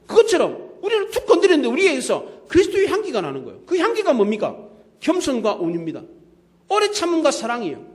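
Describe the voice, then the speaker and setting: A man preaching a sermon as pastor, telling lively everyday stories and acting out the scenes he describes. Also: very high-pitched. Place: church sanctuary. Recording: long reverb of a church hall.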